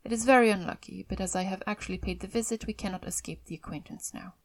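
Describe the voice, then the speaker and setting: A woman voicing a dry, teasing middle-aged father in an audiobook of a classic novel, speaking in a measured, formal, ironic way. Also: mid-range voice, natural voice. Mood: wry.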